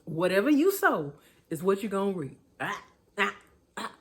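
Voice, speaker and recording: A woman's voice: mid-range voice, big pitch swings, normal speed. A woman preaching casually about choices, talking colloquially, repeating herself and laughing at her own asides. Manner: colloquial, repetitive, laughs at herself, many restarts. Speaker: preacher, motivational speaker.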